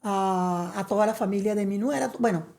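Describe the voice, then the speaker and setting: A woman's voice: medium pitch, normal speed, darkish tone. A middle-aged woman from Venezuela, telling her story as a guest in a chatty interview, with many fillers. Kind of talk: conversational interview.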